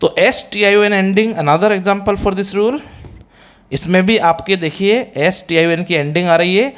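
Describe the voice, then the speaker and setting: A male English teacher with an Indian English accent gives a pronunciation lesson, switching between Hindi and English. He speaks slowly and deliberately, drawing out each word and spelling it letter by letter. His voice sits a little high. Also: a bit bright, smooth. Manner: slow, drawn-out repetition of words and spellings.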